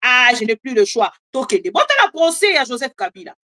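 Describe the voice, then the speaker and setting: A woman with a Congolese French accent giving animated, chatty political commentary and joking asides to her viewers. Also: high-pitched, a little fast. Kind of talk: casual live commentary, French mixed with Lingala.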